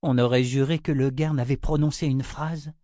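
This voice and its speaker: A man reads a fantasy audiobook in a measured, steady manner, his voice at an ordinary middle pitch. The sound is close and completely dry, with no room around it. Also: dry recording. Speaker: narrator. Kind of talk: audiobook narration of a fantasy novel.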